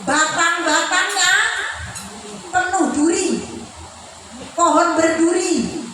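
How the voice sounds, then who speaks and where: A woman's voice: very high-pitched, takes it slowly. A woman preaching an Islamic sermon to a group of women, in a dramatic, sing-song way with chanted quotes. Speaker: religious teacher. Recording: echoey, distant hall recording with noise.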